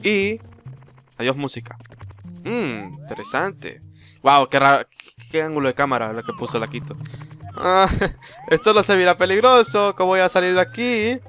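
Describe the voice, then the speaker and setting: A man's voice: high-pitched, big pitch swings, normal speed, long pauses, fairly bright tone. Rambling young man narrating a game. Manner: chatty, rambling, exclaims and laughs at the game. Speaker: gameplay commentator. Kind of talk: casual let's-play commentary. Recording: voice over game music.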